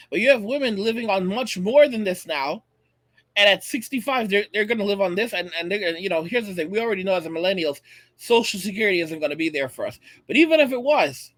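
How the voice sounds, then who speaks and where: An American man in his late thirties, his voice noticeably high and fairly bright, speaks like a video channel host offering opinionated commentary directly to his viewers. He is emphatic and repeats phrases for effect. The recording is dry and close, with no room sound.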